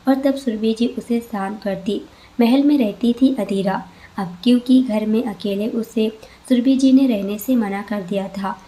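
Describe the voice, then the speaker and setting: A woman narrating a scripted story as a storyteller, in an even, expressive manner. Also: on the high side, unhurried.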